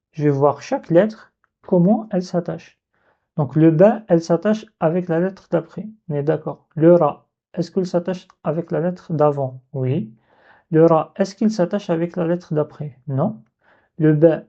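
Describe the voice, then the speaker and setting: A patient teacher leading a dictation lesson step by step, repeating each question and sound slowly. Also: medium pitch, warm tone, lo-fi sound. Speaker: Arabic reading teacher.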